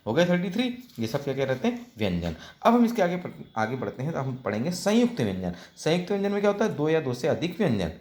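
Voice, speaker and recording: A man teaching a children's grammar lesson, asking questions and answering them himself, spelling words out slowly and mixing in English words. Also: fairly high pitch, big pitch swings, a little mellow. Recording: echoey room.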